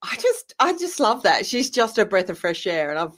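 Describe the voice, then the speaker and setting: A woman's voice: mid-range voice, sing-song, moderate pace. Chatty woman hosting a live interview. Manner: chatty, warm-hearted asides, laughs often. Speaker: interview host. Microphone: webcam on a video call.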